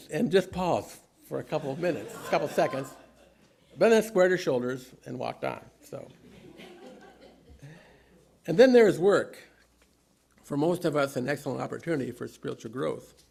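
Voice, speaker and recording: An older man with a gravelly, creaky voice delivers a humorous sermon, telling anecdotes from notes in measured, deliberate phrases. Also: medium pitch, darkish tone. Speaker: preacher.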